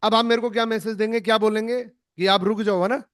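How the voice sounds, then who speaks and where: A man with a notably high voice coaches a group on an online call. He speaks emphatically and keeps re-voicing short example lines to demonstrate tone. The sound is close and dry, with no room. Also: steady tone, a little fast, a bit bright, dry recording. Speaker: network marketing trainer. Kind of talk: online training session.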